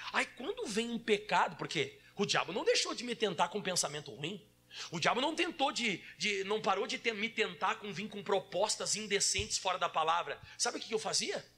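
A Brazilian man preaching a sermon as pastor, emphatic and storytelling, now and then shouting. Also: sits high, breathy edge. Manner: emphatic, storytelling with acted quotes and rising shouts.

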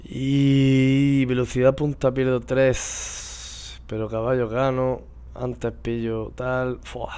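A man with an accent from Spain, commentating a racing game in an excitable way and swearing loudly at it. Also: medium pitch, slow pace, smooth. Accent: Spain Spanish. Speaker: gamer. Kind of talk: gameplay commentary.

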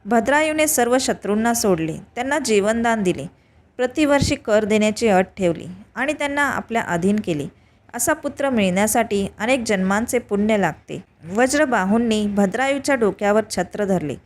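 Measured woman narrating a devotional tale. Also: fairly high pitch, expressive. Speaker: storyteller.

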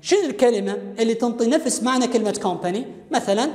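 A woman's voice: a little high, fast, warm tone. A woman with an Iraqi Arabic accent teaching an English lesson, asking and answering her own questions and explaining each English phrase in Arabic. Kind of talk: classroom grammar lesson. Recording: echoey room with long reverb.

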